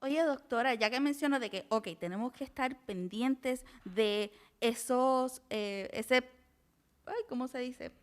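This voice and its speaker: A woman's voice: sits high, measured pace. A woman hosting a podcast, asking questions and sometimes searching for her words. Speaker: podcast host. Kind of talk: podcast interview.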